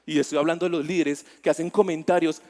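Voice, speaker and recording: A man's voice: fairly high pitch, steady tone, fast talker, a little mellow. A man with a Colombian accent preaching a sermon, asking the congregation questions and telling personal stories in a conversational way. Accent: Colombian Spanish, Bogotá. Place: church hall. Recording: long church-hall reverb.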